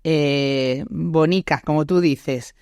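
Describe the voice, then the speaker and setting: A woman's voice: low voice, slow, a little mellow, clear, resonant tone, dry recording, studio quality. Andalusian woman host, reflective. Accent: Andalusian Spanish. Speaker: podcast host. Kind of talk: casual interview chat.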